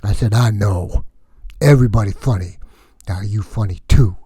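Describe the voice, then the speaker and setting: Vampire count played by a man, wacky comedian, rambling, self-mocking, low mellow voice. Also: normal speed, husky, dry recording, studio quality. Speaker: comedian character. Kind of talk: comic monologue.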